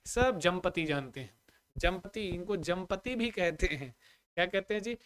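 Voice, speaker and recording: High-voiced male Sanskrit teacher. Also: animated, fairly bright tone. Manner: drills students with repeated questions and checks on the audio; recites Sanskrit compound examples in a measured, chanting way. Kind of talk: live online grammar class.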